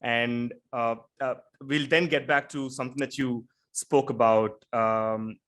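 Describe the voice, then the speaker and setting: Male podcast host, medium pitch, casual and halting as he frames questions. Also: fairly even intonation, a bit bright. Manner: halting, repeats words while forming questions. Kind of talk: casual interview chat.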